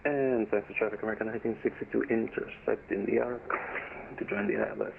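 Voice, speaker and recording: A low, gravelly male pilot makes quick radio calls in clipped phrasing. He is heard through a cockpit headset, muffled, distant and faintly hissy. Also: fairly even intonation. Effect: pilot radio call heard over a cockpit headset.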